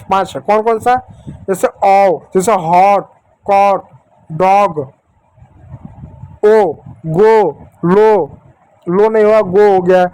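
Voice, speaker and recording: Patient, high-voiced male teacher. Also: a little mellow, no room sound. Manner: slow, repeats each sound patiently, addresses children directly. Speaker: English phonics teacher for children. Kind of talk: explanatory lesson.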